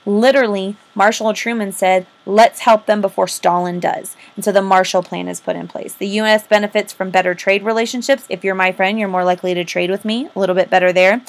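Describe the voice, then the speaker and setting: An American woman with a mid-pitched voice speaks as a teacher giving a recorded lesson. She dictates notes to students, stressing and repeating key terms. Her delivery is informal and emphatic, with questions she answers herself. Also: fairly even intonation, quick pace, hardly any pauses. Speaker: history teacher.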